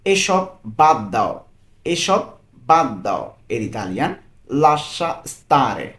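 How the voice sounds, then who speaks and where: A man teaching Italian phrases and explaining each word, slowing right down on the example phrases. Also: a little high. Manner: slow and deliberate on example phrases, quicker on explanations. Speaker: language teacher. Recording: echoey room.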